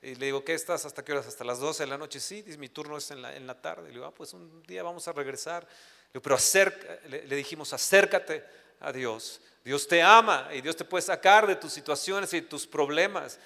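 High-voiced preacher in a reverberant hall. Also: male voice, a little fast, gravelly, sharp tone. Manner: reads scripture aloud, then tells personal stories with many restarts. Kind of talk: sermon. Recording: echoey hall with long reverb.

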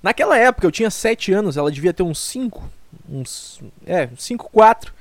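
A Brazilian man in his twenties hosts a solo comic podcast close to the mic, his high voice animated and moderately paced with no room sound. His talk rambles, mocks himself, and gets profane.

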